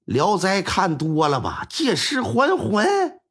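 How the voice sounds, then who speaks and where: A man doing a gruff old landlord. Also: high-pitched, sing-song, moderate pace, fairly bright tone, exaggerated voice. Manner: gruff, doubting. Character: wealthy old landlord, grieving, irritable.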